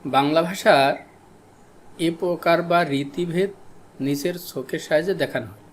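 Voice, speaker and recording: A man from Bangladesh teaching a grammar lesson, repeating key terms slowly for his students. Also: on the high side. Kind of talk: recorded classroom lesson.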